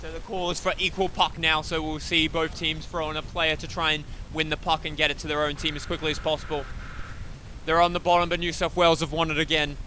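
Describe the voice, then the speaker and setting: A man's voice: a little high, flat delivery, fast talker, pushed and bright, slight background noise. An Australian man giving live play-by-play commentary, chatty and often correcting himself with apologetic asides. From Wollongong, Australia. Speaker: sports commentator.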